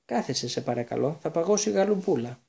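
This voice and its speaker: A man's voice: a little high, animated, vocal fry, dark tone, voice pushed up. A man voicing a stern, dry older female teacher who speaks in a clipped, impatient way. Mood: irritated.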